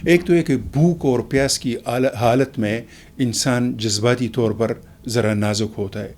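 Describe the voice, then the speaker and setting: A man, a guest on a talk program, explaining calmly in a measured, lecturing way with everyday examples. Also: mid-range voice. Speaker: expert guest. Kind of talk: explanatory talk show answer.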